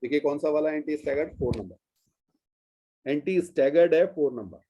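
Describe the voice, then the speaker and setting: A patient male teacher from India walks his students through a chemistry lesson one step at a time. His voice sits a little high but has a mellow, warm color. He stretches out the key terms as he writes them down. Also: fairly quick, husky, muffled recording. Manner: patient, step-by-step explaining, addresses students as "beta". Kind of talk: classroom lecture.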